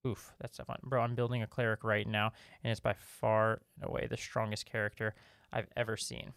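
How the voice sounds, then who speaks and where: A man hosts a relaxed live-stream Q&A with a gravelly, fry-tinged voice. He rambles through viewer questions with fillers and restarts, recorded close and dry with no room sound. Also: lowish voice, brisk, dry recording.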